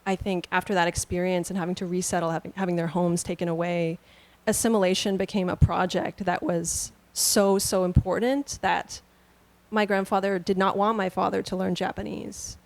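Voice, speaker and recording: A woman from Canada answering an audience question at a book launch, thoughtful and halting. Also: fairly low pitch, little pitch movement, no room sound. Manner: thoughtful, soft-spoken, halting. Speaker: author on a panel. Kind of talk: panel answer at a book reading.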